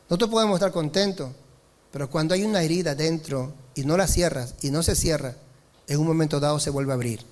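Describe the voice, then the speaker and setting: Male pastor mid-sermon, high pitch, emphatic, calls for amens. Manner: preaching with rises in pitch and slowed emphatic lines, asking the congregation for amen.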